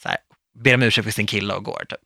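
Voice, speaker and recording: A man telling a story in a casual chat, loose and relaxed, full of little fillers. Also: on the low side, vocal fry, dry recording, studio quality.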